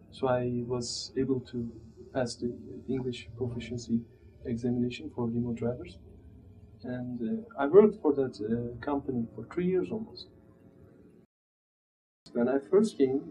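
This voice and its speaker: A Turkish man in his thirties with a medium-pitched, dark voice speaks haltingly, groping for words as he reflects on his life as an immigrant during an interview. The setting is a small, plain indoor room, and the recording sounds dull and muffled with background room noise.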